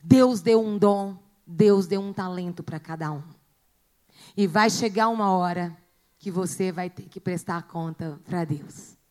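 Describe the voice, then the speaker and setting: A woman pastor from Brazil, preaching a sermon in a church with rising fervor, rhetorical questions and bursts of shouting. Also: fairly low pitch, unhurried.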